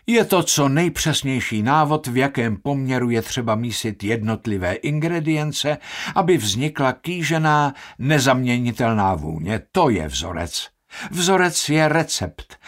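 A man voicing a stern, irritable older master perfumer who scolds, shouts and mocks. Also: mid-range voice, animated, lightly acted.

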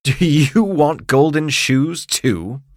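A man's voice: on the high side, lively intonation, takes it slowly, no echo, clean studio sound, pitched above the performer's own voice. Male reader doing a blunt storybook blacksmith, raised and scoffing. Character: gruff, impatient male blacksmith.

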